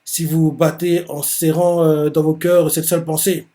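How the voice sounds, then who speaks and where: A man's voice: on the high side, little pitch movement, normal speed, warm tone, close to an everyday voice. A man reading aloud a male general's stirring speech to his troops, plainly and with small hesitations. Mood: rallying. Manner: reads the lines out plainly, with hesitations.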